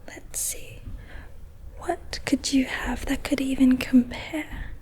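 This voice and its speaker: A proud, playful storybook leprechaun, acted out by a woman in a whispered role-play. The voice is hushed and very slow, lingering over repeated words with haughty, quaint phrasing. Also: sits high, level tone, slightly rough, full character voice. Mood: musing. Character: proud, mischievous leprechaun collector of trinkets and treasures.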